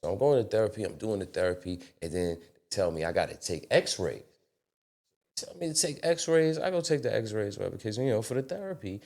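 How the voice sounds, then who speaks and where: A man telling a personal story as a guest on a casual studio talk show, profane and animated. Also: on the low side, a little fast. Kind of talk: casual podcast chat. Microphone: studio mic.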